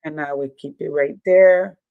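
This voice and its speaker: A woman's voice: sits low, steady tone, moderate pace, narrow, tinny audio. Woman, 50s, livestream host; emphatic, repetitive, casual delivery. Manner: emphatic, repeats phrases for effect. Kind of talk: casual livestream talk and commentary.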